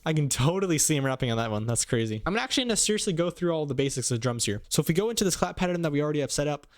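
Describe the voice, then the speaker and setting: A young man hosting a casual beat-making tutorial, upbeat and quick, humming drum patterns aloud between explanations. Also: fairly high pitch, expressive. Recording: loud music playing under the voice. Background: beats playing from the production software.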